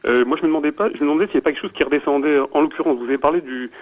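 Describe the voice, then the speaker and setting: Halting man calling in by phone. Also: a little high. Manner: halting, many restarts and repeated words; earnest, intellectual questioning. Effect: caller heard over a phone line on a radio show. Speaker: radio show caller. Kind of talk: calling in to a radio debate.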